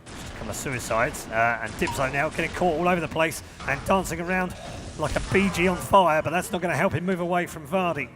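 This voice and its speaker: A man's voice: on the high side, quick pace, noisy background. A man doing live commentary on a competitive video game match, with a jokey, wry manner. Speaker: esports commentator.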